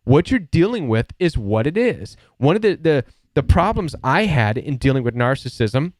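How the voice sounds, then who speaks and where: A man's voice: medium pitch, very animated, moderate pace, a little mellow, no room sound, studio quality. A man hosting a live support show, answering viewer questions in an earnest, emphatic way and repeating his key points.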